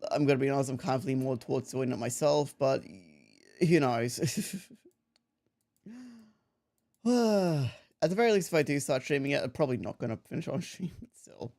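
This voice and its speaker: A young Australian man chats casually on a live game stream, rambling with frequent laughs and restarts. His mid-range voice is creaky and a little mellow, at a normal speed with frequent pauses.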